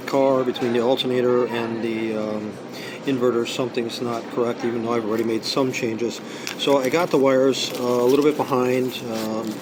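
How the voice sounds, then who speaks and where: A man with a mid-range voice, hoarse from singing practice, films a casual unboxing vlog on a small tripod camera inside a busy coffee shop. He rambles with many ums and uhs, while background music and cafe noise fill the recording.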